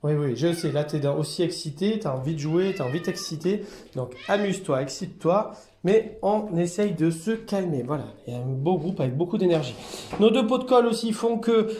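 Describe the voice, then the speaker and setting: Filming casual vlog commentary in an indoor cat room, a man who runs a cat hotel coos at the cats in a high sing-song voice, then calmly explains things to viewers. The room is echoey, with slight background noise.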